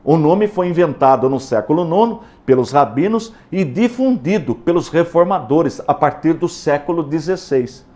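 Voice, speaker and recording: A man's voice: a little high, lively intonation, normal speed, few pauses, warm tone. A man with a Brazilian Portuguese accent, a pastor teaching a theology lesson in an emphatic way, repeating words and spelling out letters and sounds.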